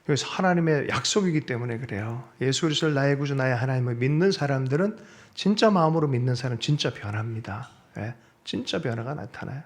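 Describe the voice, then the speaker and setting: A male pastor preaching a sermon in a church, animated and often asking the congregation questions. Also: medium pitch, fast talker. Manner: animated, asks the congregation questions and seeks their agreement. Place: church sanctuary.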